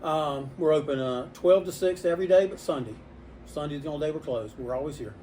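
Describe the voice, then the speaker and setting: An older man, a comic shop owner telling animated stories in a casual interview inside his store. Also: brisk, a little hiss or hum. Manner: animated storyteller, voices customers with rising pitch.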